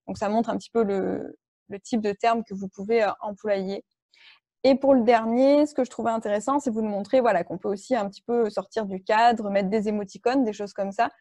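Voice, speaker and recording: A woman presenting an online training session, walking her audience through each point with a patient, explanatory manner. Her voice is warm and mellow, of middle pitch, and the recording is dry and close with no room echo. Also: steady tone, a little fast. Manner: explanatory, many fillers and restarts. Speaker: workshop trainer.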